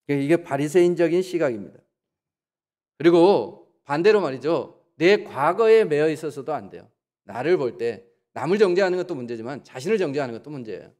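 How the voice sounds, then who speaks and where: A pastor gives a Sunday sermon in a church sanctuary. His voice sits a little high for a man. He keeps asking the congregation questions and acts out the people he quotes with sudden leaps in pitch. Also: darkish tone. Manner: asks the congregation rhetorical questions.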